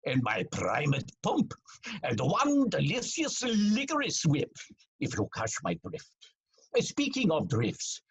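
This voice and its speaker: A man's voice: high-pitched, fairly bright tone, slightly rough, heavily acted, poor audio. An actor playing a pompous, bumbling male airline captain in a comic audio play, speaking in a grandiose, self-important way full of innuendo. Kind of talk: comic audio drama acting.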